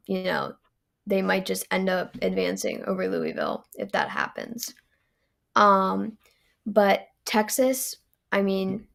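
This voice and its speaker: A young woman chatting casually as a guest on a sports podcast, relaxed and loose, with frequent ums and you knows. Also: mid-range voice, gravelly. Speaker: guest volleyball analyst.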